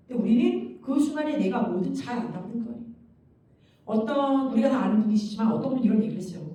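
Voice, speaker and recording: A woman preacher giving an animated sermon, laughing and mocking as she talks, in a church. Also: high voice. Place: church sanctuary. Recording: very echoey hall, mic at distance.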